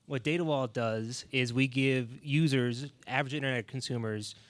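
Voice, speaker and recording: Smooth-voiced man, dry close sound. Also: mid-range voice, normal speed, no room sound. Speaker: panelist, tech co-founder. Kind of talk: panel self-introduction.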